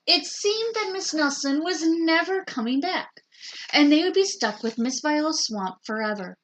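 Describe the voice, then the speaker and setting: A woman teacher reads a children's picture book aloud, unhurried and deliberate. Her voice sits slightly high, and a faint hiss of noise runs underneath. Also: animated, fairly bright tone, poor audio. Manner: slow, deliberate storytelling.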